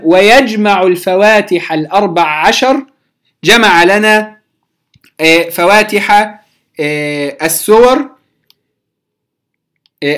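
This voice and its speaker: A woman teaching a Quran recitation lesson, speaking deliberately and repeating letter sounds slowly to demonstrate them to her students. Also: medium pitch, a bit bright. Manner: addresses students directly, checks understanding. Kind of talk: tajweed lesson explaining a poem.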